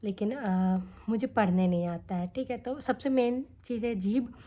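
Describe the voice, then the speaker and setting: Chatty young woman vlogger, mellow voice. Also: a little high, moderate pace. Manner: chatty, candid, tags lines with "theek hai" and "hai na". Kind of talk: casual talk to camera.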